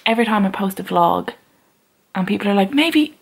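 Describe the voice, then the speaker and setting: A woman's voice: medium pitch, steady tone, a little fast, creaky. A woman vlogging at home, talking to her camera in a rambling, self-mocking, playful way. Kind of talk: casual self-filmed vlog chat. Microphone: camera she is talking into.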